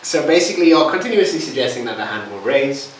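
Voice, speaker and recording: A man's voice: mid-range voice, very animated, fast talker. A man teaching hypnotherapy informally and answering questions, with loose, hesitant conversational phrasing. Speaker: hypnotherapy instructor. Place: reverberant room. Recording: distant mic in echoey, noisy room.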